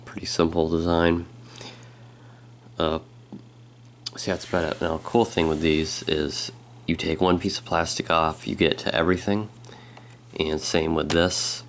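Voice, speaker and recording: A man who is a bit sick, giving a casual, halting walkthrough of his laptop as a tech vlogger. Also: low-pitched, flat delivery, a little hiss or hum. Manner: halting and unhurried, with frequent pauses. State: sick, with a slightly strained voice. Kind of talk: casual hands-on product walkthrough.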